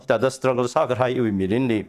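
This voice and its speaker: A man speaking at length as a talk show guest, giving long animated explanations with rising emphasis. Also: mid-range voice, racing. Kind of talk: conversational discussion.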